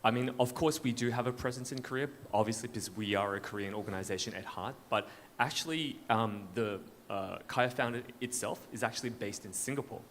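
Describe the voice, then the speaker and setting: Representing a blockchain foundation on a conference panel, a man answers an audience question informally in a fairly quick, mid-range voice that is a bit bright. The large event space sounds echoey and noisy through the event PA.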